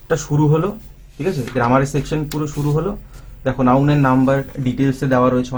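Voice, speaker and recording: A man's voice: mid-range voice, darkish tone. Chatty man reviewing a grammar book. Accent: Bengali. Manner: chatty, keeps checking in with listeners, addresses them informally. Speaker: book reviewer and English teacher. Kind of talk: casual book review walkthrough.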